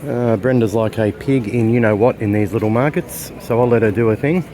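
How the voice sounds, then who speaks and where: A man's voice: on the low side, brisk, dark tone. Chatty Australian man on a street walk. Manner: chatty, rambling, with fillers. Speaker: travel vlogger. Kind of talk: casual walking tour narration. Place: outdoors on city streets. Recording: street noise behind.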